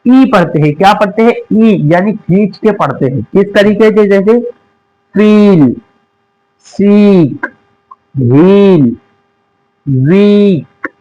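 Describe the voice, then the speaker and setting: A man's voice: high-pitched, low-quality recording. A young man with a Hindi accent teaching a lesson, repeating each word as a question and then answering it. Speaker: English teacher.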